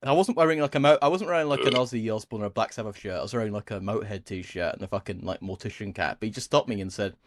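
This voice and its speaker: A man's voice: on the low side, racing, hardly any pauses. A man co-hosting a podcast, telling rambling, profane, wry anecdotes in casual chat. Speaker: podcast co-host.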